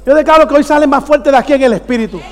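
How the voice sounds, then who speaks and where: High-voiced fervent preacher in an echoey hall. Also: male voice, very fast. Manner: fervent, preaching with emphatic shouts. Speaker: pastor. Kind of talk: sermon.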